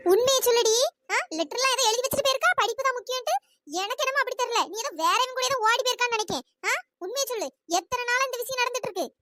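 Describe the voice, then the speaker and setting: A woman doing a scolding, sharp-tongued aunt. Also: very high voice, racing, a little hiss or hum. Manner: scolding, insulting, harsh.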